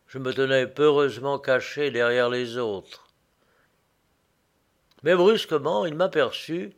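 A man narrating a first-person story in a slow, measured reading. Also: medium pitch, clean tone.

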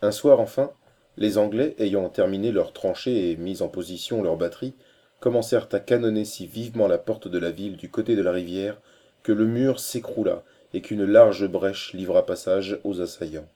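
A man reading a novel aloud as audiobook narrator, in a measured, steady storytelling way. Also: low-pitched.

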